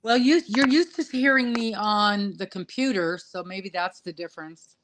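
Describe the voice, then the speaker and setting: Chatty woman on a live craft call, mid-pitched, her line muffled and underwater-sounding. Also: normal speed, background noise. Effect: muffled, underwater-sounding connection. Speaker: participant in a live crochet stream. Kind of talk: casual chat while crocheting.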